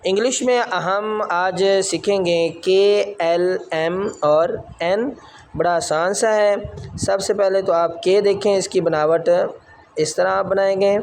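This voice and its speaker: Male calligraphy teacher, fairly high voice, patient stroke-by-stroke explainer, faint background hiss. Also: darkish tone. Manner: patient, explains each stroke while writing. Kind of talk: step-by-step writing lesson.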